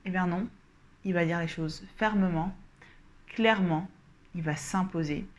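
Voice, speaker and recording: Woman teaching to camera, calm and deliberate, explains step by step, talks with her hands. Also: lowish voice. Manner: gestures while explaining. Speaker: communication coach. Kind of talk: instructional coaching talk to camera.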